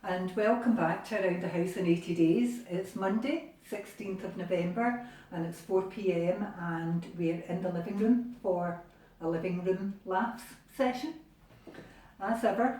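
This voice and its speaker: A woman's voice: on the low side, dark tone. A Scottish woman leading an exercise class from a living room, encouraging and chatty as she talks through each move. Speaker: exercise instructor. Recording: echoey room, distant mic.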